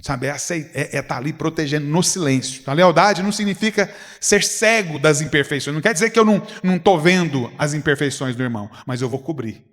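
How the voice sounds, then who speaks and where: A man's voice: a little high, fairly quick, hardly any pauses, fairly bright tone, in a large hall. A man preaching a conversational sermon with a Goiás Brazilian Portuguese accent, acting out little dialogues and asking his listeners rhetorical questions. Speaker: pastor. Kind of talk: sermon at a leaders' retreat. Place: church hall.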